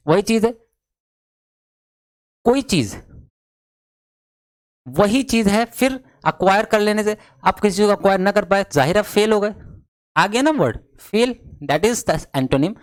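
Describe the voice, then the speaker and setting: A man teaching English vocabulary in Hindi, slowly explaining words and mixing English phrases into his speech. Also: high voice, dry recording, clean studio sound. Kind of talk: classroom lesson in Hindi.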